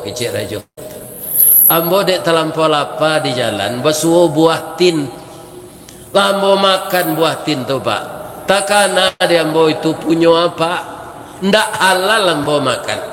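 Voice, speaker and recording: A man with a Minangkabau accent voicing a humble young man who pleads earnestly for forgiveness in a soft, lowered voice. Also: slight background noise. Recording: echoey mosque hall.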